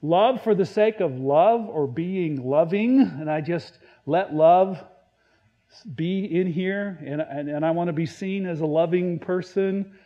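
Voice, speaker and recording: A man preaching a sermon in a conversational way, stumbling and restarting, now and then acting out Bible quotes loudly. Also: high-pitched, slow, dull audio. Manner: conversational, self-deprecating preaching with many restarts. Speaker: pastor.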